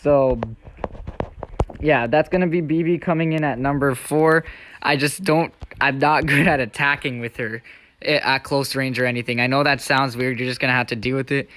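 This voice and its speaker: A man's voice: medium pitch, steady tone, moderate pace, a bit bright. A man giving casual, chatty, self-deprecating listicle countdown commentary over video gameplay as the host.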